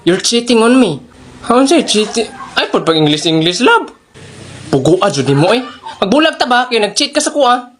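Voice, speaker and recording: A man performing a comic skit, teasing and playful in his own everyday voice. His pitch is middling, with faint noise behind him. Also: big pitch swings, normal speed, a bit bright. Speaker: comedy sketch performer.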